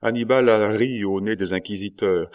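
A man's voice: on the low side, normal speed, natural voice. A man playing a bold playful duchess. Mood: confiding.

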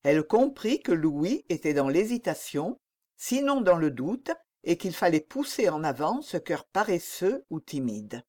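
A woman reads a novel chapter aloud in scripted narration. She takes her time, letting her pitch rise and fall widely. Her reading stays measured and expressive. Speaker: audiobook narrator.

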